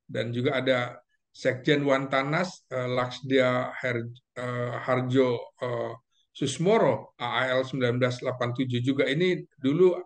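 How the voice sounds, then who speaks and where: Methodically going over names and facts, a male guest analyst in a casual discussion speaks with many pauses and fillers. He has a mid-range voice and a steady tone.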